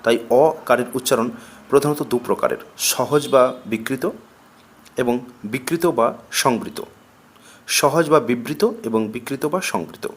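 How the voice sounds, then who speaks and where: A man with a Bengali accent reads a grammar lesson aloud in a measured classroom delivery. He dictates questions and rules at a slow, deliberate pace and repeats each example word. His voice sits at an ordinary middle pitch. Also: husky. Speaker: teacher.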